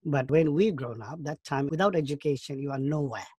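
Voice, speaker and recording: A man in his fifties from Bangladesh, recalling his life in an interview, talking thoughtfully with halting restarts. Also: fairly high pitch, darkish tone, husky, dry recording, studio quality. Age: 50s. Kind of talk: oral history interview.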